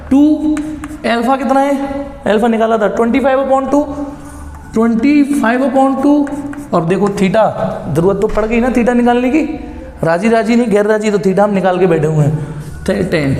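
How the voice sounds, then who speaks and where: Male physics tutor, very high voice, repeats each step patiently; long reverb in the room. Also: darkish tone. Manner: explains step by step, repeats key phrases, mixes Hindi with English terms. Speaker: physics teacher. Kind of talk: blackboard lesson.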